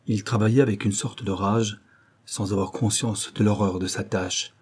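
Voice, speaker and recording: A man narrating a novel as an audiobook in a steady, measured reading. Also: fairly low pitch, breathy edge.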